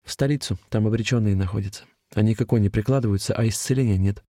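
A man's voice: lowish voice, fast, mellow, no echo, studio quality, lightly acted. A man reading as a feverish young ex-soldier. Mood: earnest, fervent. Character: young male ex-soldier, feverish, fervent, visionary.

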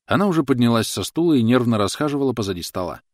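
A man narrating an audiobook with steady, even storytelling. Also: medium pitch, very fast, no echo, studio quality. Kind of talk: audiobook reading.

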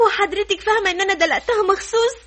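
Anxious young bride-to-be, egyptian. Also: female voice, very high voice, rapid-fire, fairly bright tone. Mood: tearful pleading. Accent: Egyptian Arabic. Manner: emotional, pleading. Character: young woman, emotional bride-to-be, tearful. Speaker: young woman in love. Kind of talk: Egyptian radio drama acting.

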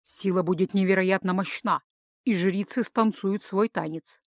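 A woman voicing a deliberate male companion in a fantasy audiobook, weighing each word. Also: medium pitch, no echo, studio quality, natural voice. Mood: measured.

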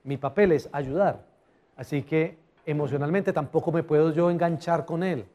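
A man giving a lively customer service seminar, often putting questions to the audience. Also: on the high side, moderate pace, muffled recording. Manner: animated, asks the audience questions. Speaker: motivational speaker.

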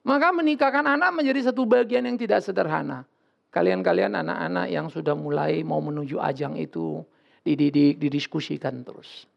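A male pastor preaching in a blunt, humorous, everyday manner. His voice is heavily gravelly and creaky. The recording is dull and lo-fi. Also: fairly high pitch, steady tone, brisk. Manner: blunt, joking, colloquial preaching. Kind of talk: sermon.

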